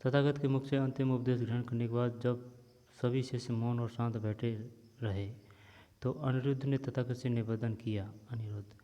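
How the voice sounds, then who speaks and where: A man reading a textbook story aloud as a teacher, pausing now and then to explain words. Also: mid-range voice, steady tone, mellow. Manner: reads steadily, pauses to explain words. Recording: dull lo-fi sound with long reverb.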